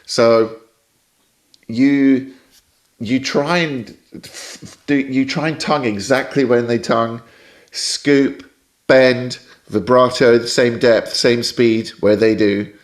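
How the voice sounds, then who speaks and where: Slow and steady, this medium-pitched voice belongs to a jazz saxophone teacher from Scotland with a British accent. Interviewed as a podcast guest, he explains things thoughtfully and tends to go off on tangents.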